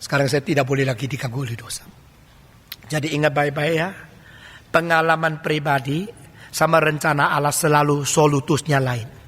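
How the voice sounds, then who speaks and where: Emphatic older male preacher, high bright voice. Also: fairly even intonation, moderate pace. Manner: emphatic, with many rhetorical questions. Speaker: pastor. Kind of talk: sermon. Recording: long reverb of a large hall.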